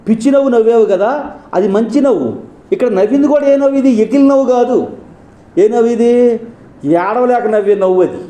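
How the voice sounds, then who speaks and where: A man's voice: very high-pitched, normal speed, pauses often, dark tone, roomy sound. A man preaching a sermon as pastor, asking his listeners many rhetorical questions.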